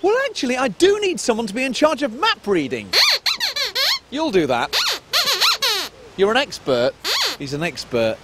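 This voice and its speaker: Kids show host type, fussy excitable trip leader for children's TV comedy, very animated, noisy backdrop. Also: male voice, very high voice, normal speed, creaky, long pauses, heavily acted. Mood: exasperated lecturing. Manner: kids show host, exclaiming and mock-stern. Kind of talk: scripted children's comedy acting.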